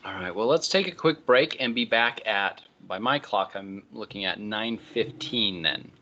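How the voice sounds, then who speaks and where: A man lecturing a class, explaining in a relaxed way with many ums and uhs. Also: lowish voice, measured pace, lo-fi sound, slight background noise.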